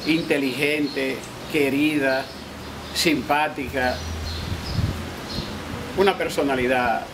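A man's voice: mid-range voice, steady tone, slow pace. An older man with a Dominican accent, speaking proudly and measuredly in a sit-down interview outdoors on a garden patio. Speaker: family member of contestant. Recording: noisy outdoor recording. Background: birds and outdoor ambience.

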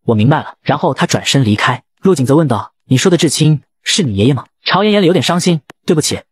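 A man narrates a romance comic in a husky voice. His delivery is brisk, with lively rises and falls, and he slips into the characters' lines without pausing. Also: on the high side, no echo. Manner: rapid, lively storytelling with brief voiced quotes. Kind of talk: fast audio-comic narration.

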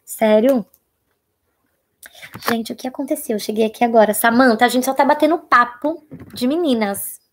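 A young Brazilian woman with a husky voice, hosting a casual live Q&A, chatting and reading viewer questions aloud, sometimes dropping to a hush. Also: fairly high pitch, moderate pace, pauses often, a little hiss or hum. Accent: Brazilian Portuguese. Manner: chatty, reads viewer comments aloud, drops to a hushed voice for private topics. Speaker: live-stream host answering viewer questions.

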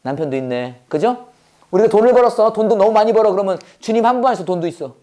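A woman leads a call-and-response Bible English lesson, firing off short questions and making her listeners repeat verse phrases. Her voice is warm and mellow, and she switches between Korean and English as she pushes the drill forward with preacher-like emphasis. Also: mid-range voice, animated, racing. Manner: mixes Korean explanation with English scripture phrases.

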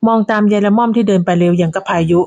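A woman storyteller in scripted narration of a moral tale, steady and vivid. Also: medium pitch, racing, no echo, lo-fi sound.

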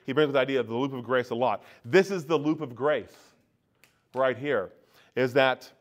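A man giving an informal talk to a parish study group, conversational, restarting phrases and turning to the audience with asides. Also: medium pitch. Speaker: parish adult education presenter.

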